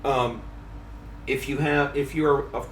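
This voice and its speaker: A man's voice: mid-range voice, fairly even intonation, slow, a bit bright, recorded from a distance, slight background noise. A man hosting a casual chat about fishing tackle at a trade show, thoughtful and full of ums and restarts. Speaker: podcast host, fishing editor. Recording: roomy, off-mic, faint hall ambience.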